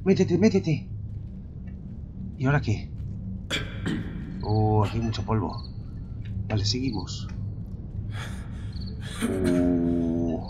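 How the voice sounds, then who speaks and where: A man's voice: deep voice, slow pace, long pauses, over music. A man from Spain with a Spanish accent, commenting on a horror game; he swears, whispers when tense, yelps at scares and keeps talking to his viewers as lads. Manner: jumpy and profane, drops to whispers and bursts into yelps. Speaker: gamer.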